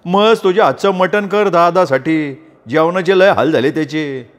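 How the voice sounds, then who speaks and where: A man voicing a loud, generous country farmer in an audio storybook, hearty and bursting with enthusiasm. His voice sits raised and rings with a long reverb. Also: fairly high pitch, moderate pace, pitched above the performer's own voice, lightly acted. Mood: jovial. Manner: loud, hearty rural talk. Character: boisterous, generous middle-aged farmer, former convict.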